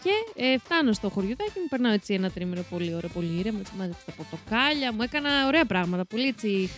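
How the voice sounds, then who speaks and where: A woman's voice: mid-range voice, very animated, soft background music. Chatty young woman, rambling story. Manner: rambling, self-correcting, laughs often. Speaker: podcast co-host. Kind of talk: casual chat, storytelling.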